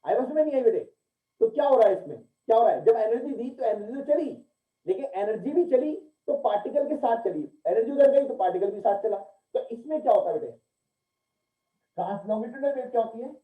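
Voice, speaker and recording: A man's voice: very high voice, lively intonation, fairly quick. A man giving a physics class, who keeps asking questions and answering them himself and calls his students "beta". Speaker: physics teacher. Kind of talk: classroom lecture. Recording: echoey room, tinny phone-like sound.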